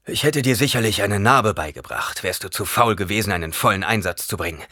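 A stern, gruff weapons master barks and scolds with forceful intensity, as a male narrator puts him on. The voice is husky and bright, pushed higher and louder than the reader's own. It sounds dry and close, like a storybook reading. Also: expressive, a little fast, dry recording. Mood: stern, scolding.

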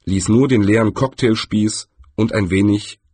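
Slow, husky male audiobook narrator. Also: darkish tone, no room sound. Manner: measured, low-key storytelling. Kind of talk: scripted narration.

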